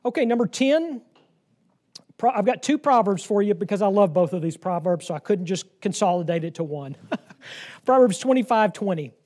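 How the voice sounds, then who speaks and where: A man leading a Bible study class in a room, lively and joking, often laughing as he explains proverbs. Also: sits high, normal speed. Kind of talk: interactive Bible lesson.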